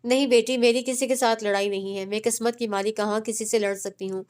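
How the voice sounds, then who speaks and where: A woman voicing a meek widowed aunt in a story, speaking softly and hesitantly. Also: fairly high pitch, steady tone, clear, resonant tone, natural voice. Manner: soft, hesitant.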